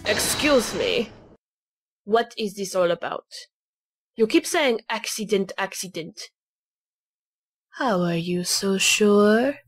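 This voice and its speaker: In an amateur game fandub, a woman voices a cool, condescending female blackmailer. Her delivery is deliberate and taunting, at medium pitch and animated.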